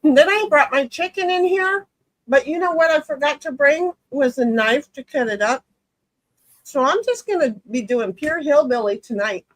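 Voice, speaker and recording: A woman streams an online card game with friends from a hot room at home, chatting and rambling casually while she plays. She's animated, talks at normal speed, and describes her own voice as high and pitchy; the recording is low-quality.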